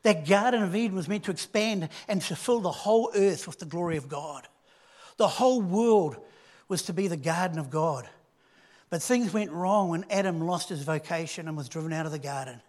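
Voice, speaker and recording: A man preaching a sermon, retelling a story and dropping from loud emphasis to hushed, low tones. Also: fairly quick.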